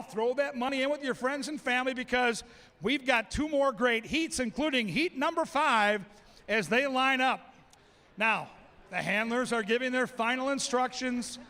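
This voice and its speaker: Track announcer, male, very high bright voice, excitable, shouts the race call. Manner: excitable, shouts calls and names. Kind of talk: live race-call commentary. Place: racetrack.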